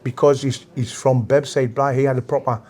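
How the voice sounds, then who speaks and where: An older man from Newcastle with a Geordie accent, reminiscing in an interview in a halting, repetitive way. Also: mid-range voice, little pitch movement, a little mellow. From Newcastle, England. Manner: halting, repeats phrases. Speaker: former gang member being interviewed.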